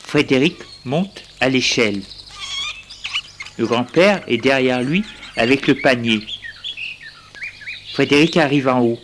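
A storyteller reading a story aloud with measured, deliberate phrasing, on a noisy recording with birds chirping. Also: mid-range voice.

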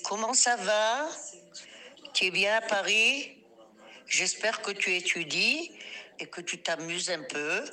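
An older woman speaks slowly and deliberately, in a tender grandmotherly way. Her voice is very bright and sharp, at a middling pitch. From Morocco. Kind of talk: spoken video letter.

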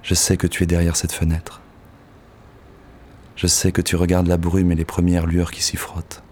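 A bitter, crude poet, lonely and lovesick, voiced by a man in an audio drama. The voice sits very low and flat, with little rise or fall, and the delivery is curt and gruff, slipping into hushed, half-whispered passages. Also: moderate pace, slight background noise, close to an everyday voice. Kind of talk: poetic audio-drama monologue.

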